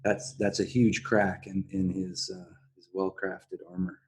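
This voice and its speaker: A man hosting a casual podcast discussion, speaking in a halting way and often backtracking on his words. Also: low voice, flat delivery, husky. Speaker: podcast host.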